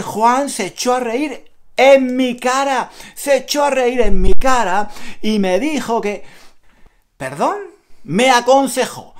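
Rambling indignant traveler with a Spain Spanish accent, man voicing, slow and animated, repeats every line. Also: very high voice, full character voice. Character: indignant male train traveler telling a story.

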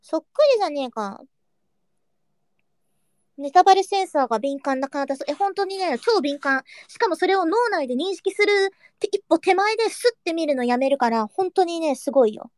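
High-voiced playful young woman streamer. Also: animated, a little fast, a little mellow, no room sound, studio quality. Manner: playful, chatty, drops into whispers for jokes. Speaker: streamer reading chat. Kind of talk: casual livestream chat.

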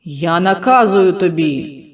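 A man voicing a booming, commanding male faith healer who roars drawn-out commands. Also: expressive. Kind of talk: dramatic storytelling.

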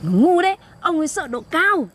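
A woman with a husky voice in comedic banter, boastful and quick to argue back. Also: extremely high pitch, sing-song, fairly bright tone. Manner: boastful, defensive, argumentative.

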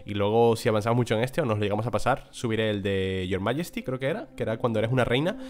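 A man's voice: fairly low pitch, racing. A young man with a Spain Spanish accent, reading out game text and commenting casually, swearing and exclaiming when things go wrong. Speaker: gameplay commentator. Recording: music playing behind the voice.

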